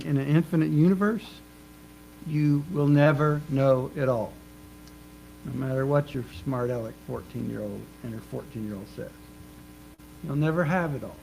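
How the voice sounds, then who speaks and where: A man's voice: fairly high pitch, gravelly, darkish tone, rough recording. A man preaching a sermon in an earnest, emphatic way, repeating phrases for rhythm. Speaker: minister. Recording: faint mains hum.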